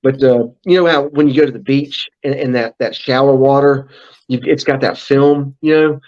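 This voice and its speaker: Here a middle-aged man guests on a podcast as a brand manager, his mid-range voice steady and darkish at a normal speed, with the highs cut off. He talks casually and a lot, full of fillers and restarts.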